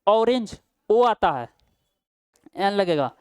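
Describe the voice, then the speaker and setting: A man's voice: high-pitched, animated, takes it slowly, smooth, no room sound. A male teacher gives a grammar lesson, asking questions and answering them himself, with frequent checks like "right?". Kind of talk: Hindi-language English grammar lesson.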